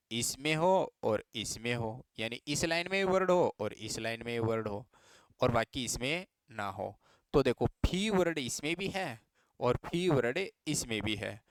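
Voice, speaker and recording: A man's voice: medium pitch, fairly bright tone, smooth, no echo, studio quality. A man teaching a reasoning lesson for exam students, patient and repeating each step as questions to his students.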